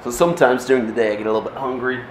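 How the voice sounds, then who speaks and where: Playful dad filming a home video. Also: male voice, medium pitch, fairly even intonation, rapid-fire. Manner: playful, teasing play-by-play like a sports announcer. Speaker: father filming his kids. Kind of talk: casual home video narration. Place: family home. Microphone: handheld camera he is holding. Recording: noisy home camera audio.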